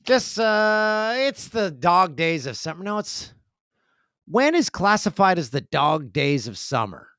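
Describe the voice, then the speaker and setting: Man, podcast host, lively up-and-down delivery, fairly high voice, dry close sound, joking and rambling. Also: measured pace, dry recording. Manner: jokey, rambling, animated storytelling. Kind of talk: casual podcast chat and reading listener emails. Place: indoor room with a video setup.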